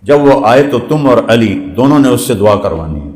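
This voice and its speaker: A man's voice: mid-range voice, expressive, darkish tone. A man delivering a storytelling sermon with dramatic delivery, voicing the characters himself. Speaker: preacher. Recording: reverberant hall echo.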